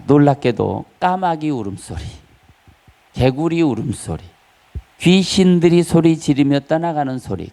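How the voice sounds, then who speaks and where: A man pastor preaching a Sunday sermon, asking the congregation questions and rising high on key words for emphasis. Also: darkish tone. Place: church sanctuary.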